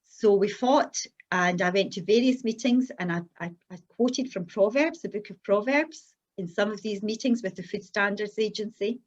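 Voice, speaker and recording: A woman's voice: medium pitch, moderate pace. Scottish woman telling her story, slightly muffled recording. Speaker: interview guest telling a personal testimony. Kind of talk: unscripted personal storytelling.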